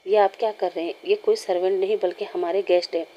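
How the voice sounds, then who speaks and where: A woman voicing a caring young man in a spoken story, earnest and gently insistent. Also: mid-range voice, steady tone, fast talker, lo-fi sound, natural voice. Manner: earnest, mildly scolding.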